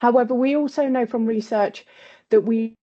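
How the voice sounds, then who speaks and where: A woman's voice: a little high, normal speed. Woman chairing a webinar, audio keeps cutting out. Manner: warm, eager welcoming tone. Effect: audio cutting out on a bad connection. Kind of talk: hosting an online panel. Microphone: video call. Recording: dull lo-fi video call audio.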